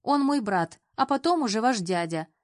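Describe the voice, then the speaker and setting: A woman's voice: on the high side, lively intonation, moderate pace, no room sound, studio quality, close to an everyday voice. Woman doing a teasing, bubbly little sister. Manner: teasing, playful.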